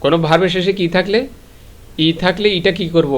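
A Bangladeshi man with a fairly high voice teaches a live online grammar class. He poses a question, waits a beat and answers it himself, spelling words out letter by letter as he goes. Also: fast.

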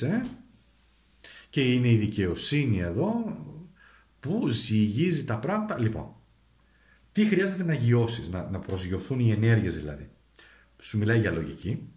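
A man doing a casual tarot reading, talking straight to his viewers with coaxing asides. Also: on the low side. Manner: animated, addresses viewers directly with coaxing asides. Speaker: tarot reader. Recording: echoey room.

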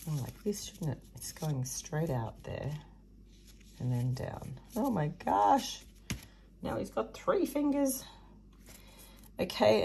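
A woman with a hoarse, croaky voice hosts a craft tutorial, speaking slowly in a low, gravelly, mellow tone. She's chatty and given to muttered asides, filmed by an overhead camera above a table that shows only her hands, with a faint hiss in the background.

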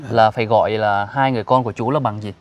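A man's voice: lowish voice, fairly even intonation, quick pace. A man hosting an interview outdoors, politely asking questions and restating the answers back. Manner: polite, frequent deferential yes-words, paraphrases answers back. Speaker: host, charity vlogger interviewing. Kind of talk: casual interview. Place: outdoors at a rural cemetery.

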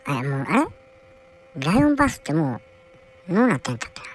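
A woman's voice: low voice, sing-song, fast talker, poor audio. A woman voicing a bored, whiny young male polar bear cub who rambles and grumbles to himself with a Kansai accent. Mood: bored grumbling. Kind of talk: comic character monologue.

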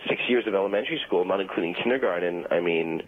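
A deep-voiced, fast-talking man with a slightly rough, dry sound calls in as a phone-in guest for a comedic phone conversation. He rambles insistently through a long explanation and gets flustered when he isn't listened to. The telephone line is tinny, with faint music.

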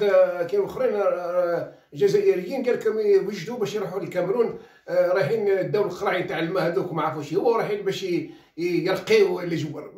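A man's voice: sits high, a little mellow. A man from Khenchela with an Algerian Arabic accent, a journalist giving a heated rant that slips into French phrases. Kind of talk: ranting commentary. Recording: roomy echo, mic set at a distance.

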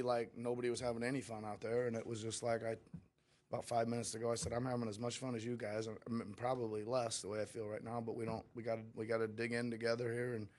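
Candid middle-aged coach at a press conference. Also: male voice, mid-range voice, a little mellow. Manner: candid, rambling, with frequent restarts. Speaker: head coach. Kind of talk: post-game press conference. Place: press room before a sponsor backdrop. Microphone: table mic in front of him.

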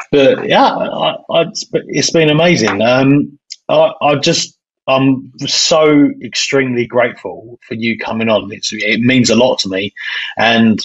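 A man hosting an interview podcast, fast-talking and enthusiastic, often repeating words as he goes. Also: mid-range voice, a bit bright, breathy edge. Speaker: podcast host. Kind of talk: interview conversation. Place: remote call. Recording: muffled lo-fi sound.

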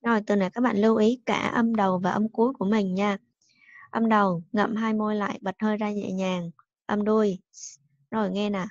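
A woman teacher runs a recorded English lesson for small children and drills each new word with clear, firm stress. Her voice sits in a middle range. The recording is close and dry but dull and muffled. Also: mid-range voice, fairly even intonation, brisk, dry recording. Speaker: primary school English teacher.

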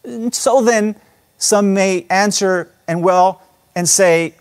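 A man's voice: sits high, slow, clear, resonant tone. A man preaching a sermon in church, reading scripture aloud and stressing repeated words with emphasis. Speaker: pastor.

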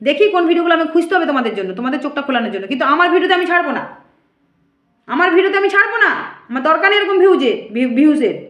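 High-pitched, fast-talking aggrieved woman. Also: lively intonation, echoey room, dull audio. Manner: aggrieved, defensive and lecturing. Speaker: vlogger answering critics. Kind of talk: direct-to-camera rant.

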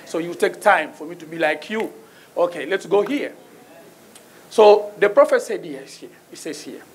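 A middle-aged guest preacher with a French accent delivers a sermon from the pulpit of a church sanctuary, calling out "Amen?" to the congregation in call-and-response fashion. His voice is high-pitched, expressive and slightly rough, at a normal speed. He speaks into a handheld mic on the small stage.

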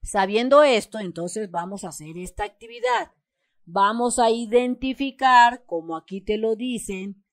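This homework lesson features a woman with a Mexican Spanish accent explaining a textbook exercise step by step. She reads example words while patiently emphasizing each syllable, speaking in a mid-range voice on a dry recording.

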